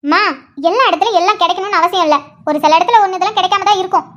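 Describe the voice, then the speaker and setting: This is a snappy, fed-up young woman in a cartoon with a very high voice, as a woman plays her. She sounds exasperated and short. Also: racing, a bit bright. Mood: irritated. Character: irritated young woman, a student.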